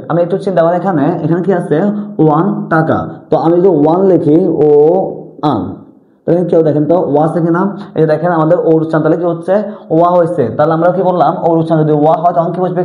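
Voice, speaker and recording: A man teaching an English grammar lesson, repeatedly asking and answering his own questions. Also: fairly high pitch. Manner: repetitive question-and-answer drilling. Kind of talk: classroom-style lesson explanation. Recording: tinny lo-fi audio in an echoey room.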